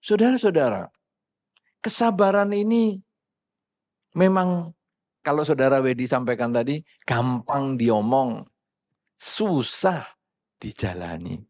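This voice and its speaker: Lively preaching man, lilt. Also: mid-range voice, slow, pauses often. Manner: conversational, asks the audience questions, acts out quoted speakers. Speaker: Buddhist Dhamma teacher. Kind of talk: sermon.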